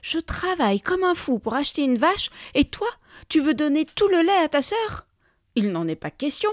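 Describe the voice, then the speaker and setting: A woman voicing a hot-headed, dreamy husband who shouts indignantly in a read-aloud folk tale. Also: a little high, brisk, no echo, studio quality, natural voice. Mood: furious.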